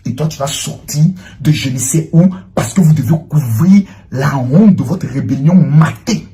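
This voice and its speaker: A man giving an impassioned, accusatory monologue, swinging between loud outbursts and hushed lines. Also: fairly high pitch, animated, normal speed, slight background noise. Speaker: public figure answering a former protégée.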